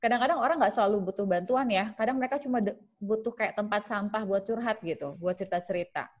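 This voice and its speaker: A woman's voice: mid-range voice, fast, darkish tone. A woman speaking as a psychiatrist in an online webinar talk, acting out short dialogues between parent and child as examples. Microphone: video call. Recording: lo-fi video call audio.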